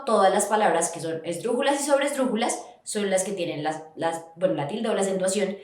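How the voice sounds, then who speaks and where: A woman giving an educational podcast lesson on writing, explaining step by step with frequent restarts. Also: on the high side. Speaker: writing instructor. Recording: very echoey room.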